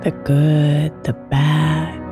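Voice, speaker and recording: A woman host speaking a slow, soft guided meditation prayer, some lines near a whisper. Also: deep voice, completely flat delivery. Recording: music bed under the voice. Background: soft new-age guitar music.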